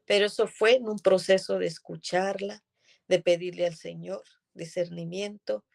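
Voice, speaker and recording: A woman's voice: lowish voice, fairly even intonation, moderate pace, gravelly, a little mellow. A woman giving an earnest, emotional religious testimony as a guest in conversation.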